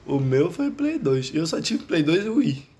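A man's voice: a little high, very animated, unhurried, a little mellow. A Brazilian man co-hosting a casual podcast, chatting in slang with plenty of swearing. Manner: street slang, heavy swearing. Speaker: podcast co-host. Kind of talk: casual chat. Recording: faint background noise.

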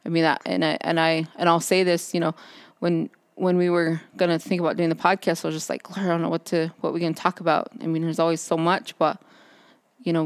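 A woman with a fairly low, flat voice co-hosts a relaxed faith podcast. She talks in halting starts and restarts, leaning on fillers as she gathers her thoughts. She is recorded outdoors under a backyard overhang. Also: no echo. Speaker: podcast co-host. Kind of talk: casual faith chat.

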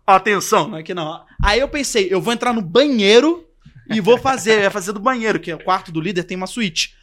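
A young man casually telling a story on a podcast, acting out the quotes and voices of the people in it. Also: high-pitched. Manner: animated, acts out quotes and voices. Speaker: podcast guest.

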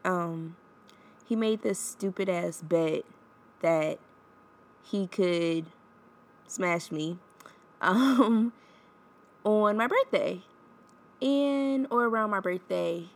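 On her own podcast, a stuffy-sounding woman in her twenties, plainly fighting a cold, chats candidly and says um a lot. Her voice is medium-pitched, and she speaks extremely slowly with long pauses.

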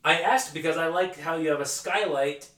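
A man on a comedy podcast making musing, drawn-out remarks. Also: on the high side, a bit bright, roomy sound. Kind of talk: improvised comedy chat.

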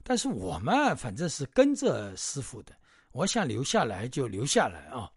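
A man's voice: medium pitch, wildly swooping pitch, normal speed, husky, dry recording, studio quality, heavily acted. Man doing a greedy wheedling pig-monster pilgrim. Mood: excusing. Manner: wheedling, self-excusing.

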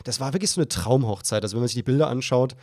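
A man's voice: rapid-fire, dry recording, studio quality. A young man hosting a podcast, telling a long story in casual chat and acting out his own flustered voice. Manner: animated storyteller, acts out his own panicked voice in high pitch. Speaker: podcast host.

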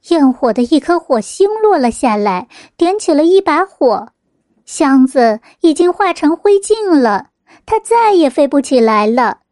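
A woman's voice: high-pitched, darkish tone, dry recording, clean studio sound. A woman hosting a children's bedtime story show, narrating fairy tales expressively for little listeners, storyteller style. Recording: music behind the voice. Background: music.

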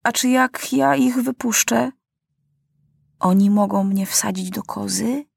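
A woman's voice: mid-range voice, takes it slowly, creaky, breathy edge, no echo, clean studio sound, pitched above the performer's own voice, full character voice. A woman reading a storybook, voicing a young boy king who asks eager, uneasy questions. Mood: puzzled.

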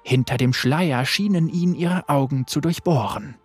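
A narrator reading a dark fantasy story aloud in a measured, dramatic way. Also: mid-range voice, slightly rough, dry recording, faint music behind.

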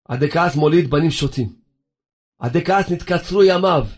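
A man delivering a fervent religious sermon, firing rhetorical questions at his listeners. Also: on the high side. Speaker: preacher.

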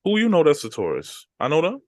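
A man's voice: on the high side, wildly swooping pitch, fast, no echo, clean studio sound. A man co-hosting a podcast in casual, teasing, slangy banter. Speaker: podcast co-host.

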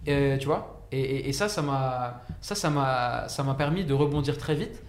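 A man, a company founder, talking fast and rambling with many restarts as the guest in a casual podcast chat. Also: medium pitch, echoey room, slight background noise.

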